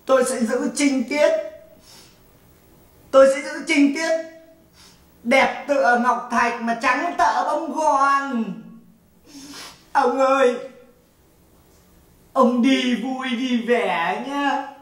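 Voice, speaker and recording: A woman playing a brash, newly widowed wife in a stage comedy sketch. She scolds fast and bossily, then sings slow, mock-mournful laments. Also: sits high. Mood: bossy, scolding. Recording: echoey stage audio from far off, with music.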